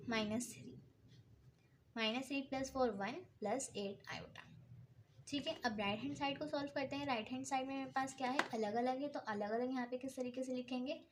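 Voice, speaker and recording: A woman's voice: high voice, a little mellow. A woman math teacher giving a blackboard lecture, working each step aloud and asking herself questions as she goes. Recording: faint background noise.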